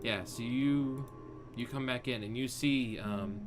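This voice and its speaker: A man acting as game master, improvising casual, halting narration for a tabletop game. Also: mid-range voice, music in the background.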